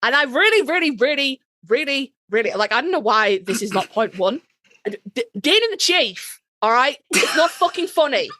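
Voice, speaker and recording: Ranking things on a casual fan podcast, the Yorkshire-accented co-host swears plenty and lays on the dramatic emphasis as she speaks her mind. Her high, sharp voice swings widely in pitch at a normal pace.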